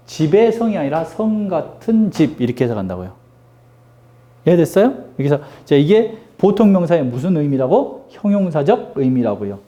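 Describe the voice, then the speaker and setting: A man's voice: a little high, mellow, lo-fi sound. A middle-aged man teaching an English grammar lesson, joking and teasing his students with constant rhetorical questions. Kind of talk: lively classroom lecture.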